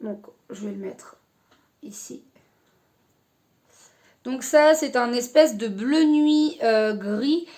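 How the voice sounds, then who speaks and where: Young female beauty vlogger, slightly high voice, chatty and halting. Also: darkish tone. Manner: hesitant, many fillers. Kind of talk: casual product review.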